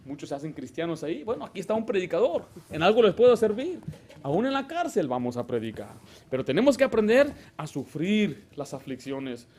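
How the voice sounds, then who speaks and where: A man's voice: high-pitched, very animated, a little fast, a little mellow. A male pastor preaching a Baptist sermon, asking the congregation rhetorical questions and acting out little dialogues. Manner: acts out short dialogues in a raised voice.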